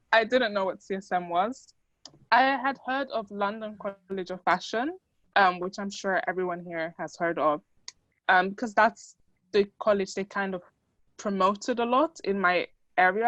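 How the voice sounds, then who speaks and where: A woman's voice: medium pitch, fairly bright tone, no echo, poor audio. A young woman who grew up in the Netherlands and speaks Dutch as her first language, giving a chatty talk to an audience with many fillers. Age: young adult. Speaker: student speaker.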